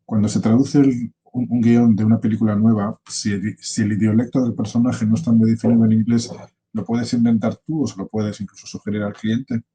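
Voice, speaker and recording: A man's voice: fairly low pitch, level tone, a little fast, dark tone, breathy edge, rough recording. A man hosting a casual video-call interview, agreeing often and reading out viewer questions. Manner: frequent short agreeing backchannels, reads out viewer questions. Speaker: interview host.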